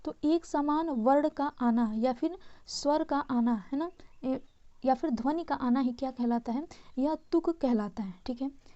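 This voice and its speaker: A woman with a high, mellow voice teaches a grammar lesson. She explains each point patiently and keeps asking her listeners whether they follow. The recording sounds dull and lo-fi. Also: measured pace. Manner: patient, checks in often with "है ना" and "ठीक है".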